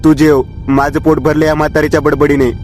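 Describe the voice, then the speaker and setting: A man's voice: a little high, flat delivery, brisk, darkish tone, soft background music, lightly acted. A man doing a snappish young villager. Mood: irritated. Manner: snappish, exasperated.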